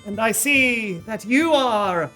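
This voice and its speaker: A man's voice: sits high, expressive, slow, sharp tone, faint music behind, full character voice. A man doing a pompous medieval knight. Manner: old-fashioned formal speech. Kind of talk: kids' comedy sketch.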